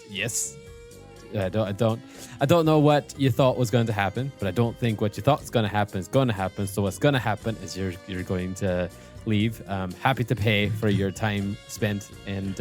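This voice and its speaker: A man's voice: fairly low pitch, normal speed, darkish tone, faint music behind, lightly acted. A man voicing a flustered male adventurer who stammers while staying awkwardly polite.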